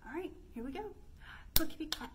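A woman in her thirties leads an interactive children's storytime beside a stone fireplace indoors, using an exaggerated sing-song style to ask young children questions. Her voice is high-pitched and a little fast, with steady background noise throughout.

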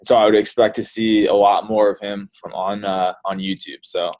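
A young man hosting a casual interview over a video call, relaxed and full of quick yeahs. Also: lowish voice. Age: young adult. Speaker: interview host. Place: small room indoors. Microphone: studio mic and earphones.

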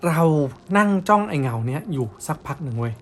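Young male storyteller, coarse and casual, mid-pitched voice, faint hiss behind. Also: animated, fast, fairly bright tone. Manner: blunt slangy storytelling with coarse words. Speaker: ghost story narrator. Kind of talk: casual spoken ghost story.

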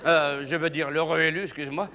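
A man's voice: on the high side, little pitch movement, fairly quick, pushed and bright, pitched below the performer's own voice. A man doing a wary, hesitant older father. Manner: hesitant, awkward correcting. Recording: reverberant hall.

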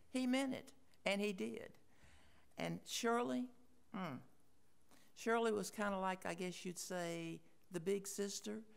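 An older woman reads a tribute to her late neighbor at a funeral. Her voice has a gravelly edge, and she speaks in a homespun, gently humorous way. The pitch sits in a middling range for a woman. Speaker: neighbor giving a eulogy. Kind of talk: reading a personal tribute at a funeral. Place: funeral home chapel.

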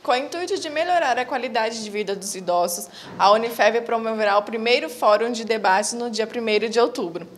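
A woman's voice: a little high, brisk, few pauses, a little hiss or hum. A young woman, a student reporter, introducing a story and asking polite questions into a handheld mic. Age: young adult. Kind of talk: field reporting and interviewing.

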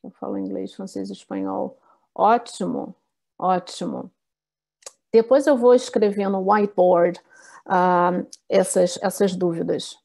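A woman teaching a beginners' class online, speaking slowly and clearly, repeating words and reading out the answers her learners give. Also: mid-range voice, mellow. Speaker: Portuguese teacher.

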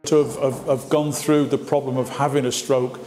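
Older man, higher-voiced, over music. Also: little pitch movement, moderate pace, a little mellow. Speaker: interviewee, town crier. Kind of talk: personal account to camera. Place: indoors in a hospital corridor.

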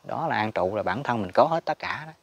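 A man's voice: on the low side, expressive, a little fast, breathy edge, no room sound. Chuckling man teaching dharma. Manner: chatty, chuckles often, emphatic swings in loudness. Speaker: spiritual teacher. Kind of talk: casual Buddhist teaching talk.

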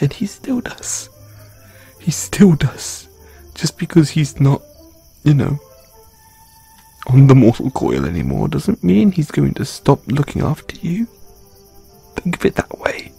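In this intimate roleplay, a medium-pitched man with vocal fry and a slightly rough voice consoles his grieving partner as a gentle boyfriend, speaking tenderly and quietly to soothe them.

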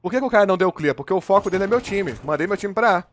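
Brazilian male streamer with a Brazilian accent, rapid-fire, energetic and slangy coaching commentary. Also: high voice, a little hiss or hum. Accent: Brazilian Portuguese. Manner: energetic, slangy, addresses viewers as a crew. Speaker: game streamer. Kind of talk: live gameplay commentary and coaching.

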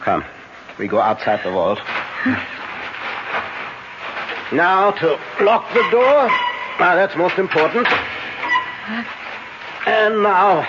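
An actor playing an older, authoritative professor who hunts vampires, speaking deliberately with hesitant pauses in a 1970s radio drama. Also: male voice, sits high, big pitch swings, full character voice. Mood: urgent, grave. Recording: noisy, dull vintage radio recording.

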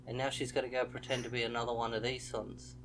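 A man's voice: medium pitch, flat delivery, fast talker, noisy background. A young man hosting a horror let's play, commenting as he goes and yelping at the scares. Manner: jumpy, exclaims and yelps at scares.

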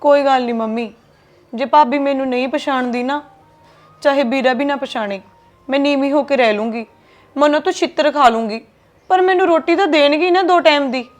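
A woman playing a young deserted wife who speaks gently and with sorrow. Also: high-pitched, brisk, soft background music, close to an everyday voice. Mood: sorrowful. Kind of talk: family drama acting.

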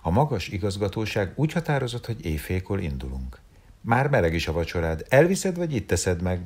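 A man reading aloud and voicing a playful, flirtatious circus woman in a storybook, husky and lively. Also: low voice, pitched above the performer's own voice, exaggerated voice. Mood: teasing. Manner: teasing, chatty.

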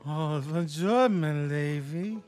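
A man's voice: a little high, darkish tone, soft background music. A man voicing a flirty male spa attendant with a put-on French accent, teasing and sultry. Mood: seductive. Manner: sultry, teasing, drawn-out delivery.

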